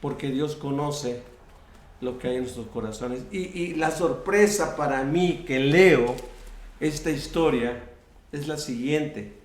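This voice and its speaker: A man's voice: mid-range voice, takes it slowly. A man preaching a sermon as pastor, acting out prayers and quoted speech, often restarting his phrases. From US-Mexico border region. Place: church sanctuary. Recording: echoey church room.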